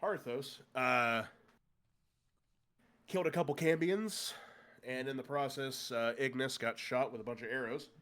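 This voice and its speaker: Sitting at a table with friends, a congested-sounding man runs through what happened last session as game master. He keeps it casual and jokey with plenty of fillers. His mid-range voice is slightly bright, measured in pace, with frequent pauses.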